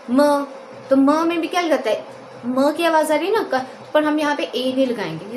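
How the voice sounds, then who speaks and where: Indian woman teacher, high pitched, repeats question-and-answer drills, roomy recording. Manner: repetitive call-and-answer questioning. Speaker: English teacher. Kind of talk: classroom grammar lesson. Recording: echoey room with faint noise.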